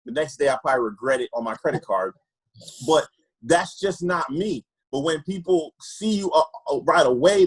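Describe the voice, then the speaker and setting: Husky-voiced man from Trinidad, earnest. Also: fairly high pitch, low-quality recording. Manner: earnest, repeats words while searching for them. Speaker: optometrist guest. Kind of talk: candid personal storytelling.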